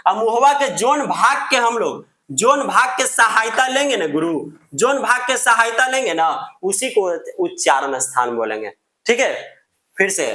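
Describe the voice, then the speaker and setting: A man teaches a grammar lesson, drilling each term over and over. His voice sits high and sounds bright and sharp. The room around him is roomy and echoey. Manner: answers his own questions in a student's voice; repeats and drills the terms.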